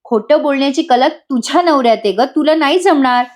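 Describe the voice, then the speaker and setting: A woman voicing a protective middle-aged father who is gentle with his daughter but stern. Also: high voice, fairly quick, voice pushed up, natural voice.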